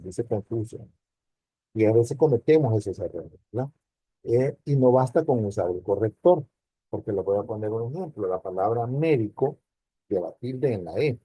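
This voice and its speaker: A man's voice: on the low side, mellow, slightly rough, dry recording, poor audio. Man lecturing students on slide design. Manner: explanatory, addresses students directly with rhetorical questions. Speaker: university lecturer. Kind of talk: recorded online class lecture.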